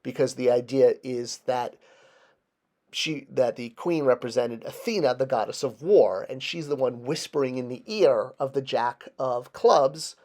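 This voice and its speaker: A man presenting in a casual explanatory style, with animated delivery and emphatic stresses on key words. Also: medium pitch, a little slow. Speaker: video presenter.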